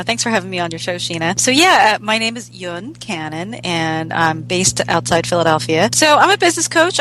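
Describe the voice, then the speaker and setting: A middle-aged woman with a medium-pitched, slightly bright voice answers conversationally as a business coach being interviewed on a podcast, with slight background noise. Born in South Korea, she immigrated to the United States at four and was raised there.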